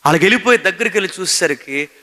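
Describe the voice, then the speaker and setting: A man preaching a sermon as pastor, emphatic and full of rhetorical questions, dropping to hushed tones and rising again. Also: high-pitched, lively intonation, racing, big-room sound.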